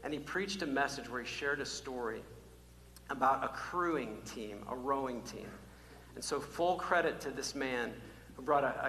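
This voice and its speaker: A man preaching from the pulpit, his bright, forceful voice carrying through a large church hall with a long, echoing tail. He presses key words again and again, rising to loud calls and dropping to near-whispers, and a faint hum sits underneath. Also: mid-range voice. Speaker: pastor. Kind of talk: sermon. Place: church sanctuary.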